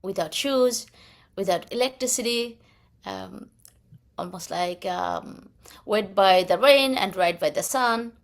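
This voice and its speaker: A middle-aged woman from Bangladesh, answering interview questions in a reflective, halting way with frequent pauses and fillers. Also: medium pitch. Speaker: political candidate, guest.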